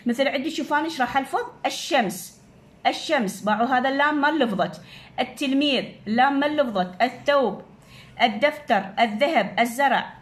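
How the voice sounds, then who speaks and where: A woman teacher with an Iraqi Arabic accent explaining a grammar lesson to children, slowly repeating each word. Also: high-pitched. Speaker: primary school teacher.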